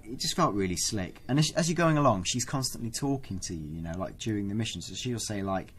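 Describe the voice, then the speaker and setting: A man's voice: fairly low pitch, expressive, fast talker, a bit bright. A man co-hosting a casual podcast, describing things enthusiastically with lots of fillers. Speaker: co-host.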